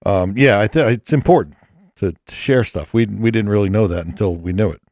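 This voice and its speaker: An easygoing podcast host with a fairly low voice, joking as he keeps the chat moving. The sound is close and dry. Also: a little fast, a little mellow, no room sound. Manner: easygoing, joking, runs the show. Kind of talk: casual studio chat. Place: podcast studio.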